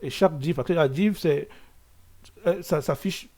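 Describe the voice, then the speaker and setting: A man's voice: on the high side, unhurried, a little mellow. A man teaching a web coding lesson over his screen, thinking aloud with restarts and filler sounds, often checking in with "ok?". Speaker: coding tutorial host.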